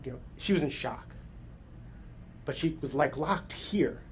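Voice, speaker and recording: A man telling an animated, excited story to an audience at a gathering, with quick self-corrections and laughs. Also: a little high, a little hiss or hum. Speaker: coach and speaker.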